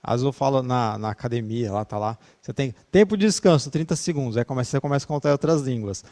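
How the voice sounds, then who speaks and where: A man's voice: medium pitch, quick pace, a little mellow. A male English teacher with a Brazilian Portuguese accent leads an online class, chatty and easygoing, laughing easily and ending sentences with "né".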